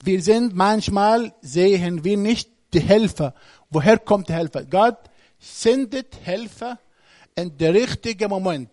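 A man's voice: high-pitched, darkish tone, no room sound, clean studio sound. A man preaching a sermon, speaking emphatically and putting questions straight to the congregation.

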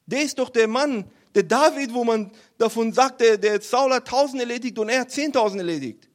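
A blunt army general barks and scolds in a high, strained, loud voice, as a preacher acts him out. His tone stays incredulous and pushy throughout. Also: animated, fairly quick. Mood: scolding.

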